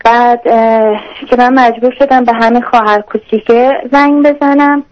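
A woman calling a radio advice show, talking in a halting, hesitant, apologetic way. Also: a little high, steady tone, highs cut off, slight background noise. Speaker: radio caller seeking advice. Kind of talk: call-in phone conversation.

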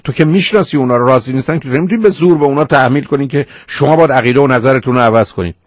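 A man's voice: medium pitch, no room sound, dull audio. A man hosting a call-in advice show, lecturing a caller patiently but firmly and calling her dear. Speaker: radio advice host.

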